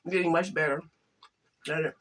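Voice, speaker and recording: An older woman chatting casually to camera while eating, halting and soft-spoken, with some stutters. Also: low-pitched, fairly even intonation, a little hiss or hum. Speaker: mukbang vlogger.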